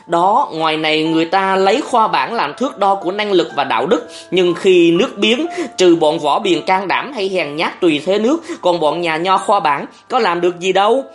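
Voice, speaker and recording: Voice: medium pitch, animated, faint music behind, pitched above the performer's own voice, close to an everyday voice. A narrator voicing a young male scholar-aide who speaks in bitter, heated outbursts in an audiobook. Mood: indignant. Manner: heated, raised voice, fast outbursts. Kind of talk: audiobook character voice.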